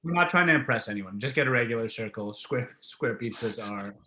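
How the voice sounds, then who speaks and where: A man improvising a comedy scene, playful and quick to argue. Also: mid-range voice, animated, bright, forceful tone. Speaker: improv performer.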